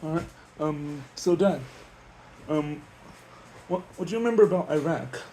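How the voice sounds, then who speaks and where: A man's voice: a little high, normal speed, dark tone, low-quality recording. A teenage boy interviewing his father for a school assignment, speaking hesitantly with many fillers. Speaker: student interviewer. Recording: faint background noise with clicks.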